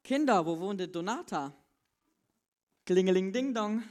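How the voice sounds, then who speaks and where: A woman's voice: medium pitch, animated, measured pace, darkish tone, natural voice. A woman playing a polite, dutiful male servant who speaks to his master in a formal, courteous butler manner, in a church children's Bible play.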